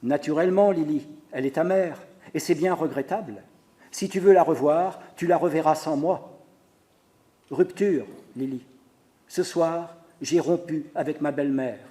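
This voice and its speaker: A man's voice: on the high side, normal speed, mellow, close to an everyday voice. A man reading aloud as an exasperated husband who is breaking with his mother-in-law, firm and blunt. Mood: resolute.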